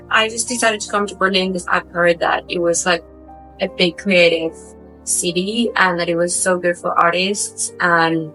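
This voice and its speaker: This Argentine vlogger, a native Spanish speaker in her twenties from Buenos Aires, talks casually about her life with an Argentine accent. Her voice sits at a medium pitch with a sharp tone. The audio is low quality.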